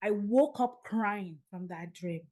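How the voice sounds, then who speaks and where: Speaking slowly in a medium-pitched voice, a Nigerian woman in her fifties recounts her story as a podcast guest, bringing it to life by acting out the conversations.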